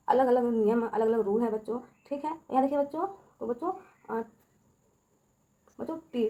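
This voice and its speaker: A woman's voice: high-pitched, mellow. Woman teacher in an echoey room. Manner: addresses kids repeatedly, checks with "ठीक है" and quiz questions. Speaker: English teacher. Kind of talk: Hindi classroom-style video lesson.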